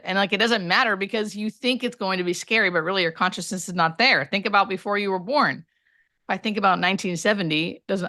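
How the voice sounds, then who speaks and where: Candid woman with a creaky, low-pitched voice. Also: sharp tone. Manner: candid, conversational, rambling with emphatic asides. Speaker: hospice nurse and author, interview guest. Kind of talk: casual personal storytelling in an interview.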